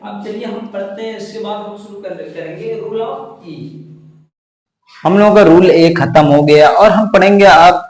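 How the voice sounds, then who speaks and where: A man's voice: high voice, a little mellow. A man teaching English pronunciation, spelling words out letter by letter and answering his own rhetorical questions. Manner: slow, repetitive explaining. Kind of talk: classroom-style lesson. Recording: echoey room.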